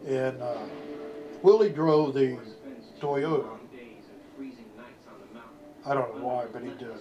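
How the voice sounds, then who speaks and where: A man's voice: medium pitch, slow pace, dark tone, muffled recording. An older man with a grandpa voice tells a casual, rambling family anecdote in a folksy, salty way. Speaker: grandfather telling family stories.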